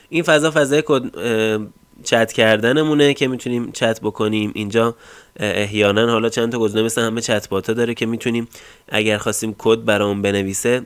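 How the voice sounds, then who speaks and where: A man hosting a casual screen-recorded software tutorial, explaining step by step with frequent fillers and trailing line ends. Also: lowish voice. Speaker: tech tutorial host.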